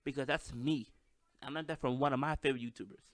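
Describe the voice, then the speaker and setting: A man's voice: mid-range voice, steady tone, fast talker, no room sound, studio quality. A man with a slight lisp and a stutter, hosting a casual solo podcast, hyped and self-deprecating. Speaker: podcast host. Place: at home with microphone.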